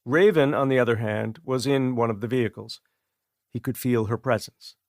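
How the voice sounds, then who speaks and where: Man narrating an audiobook, measured. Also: medium pitch, dry recording, studio quality. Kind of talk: scripted narration.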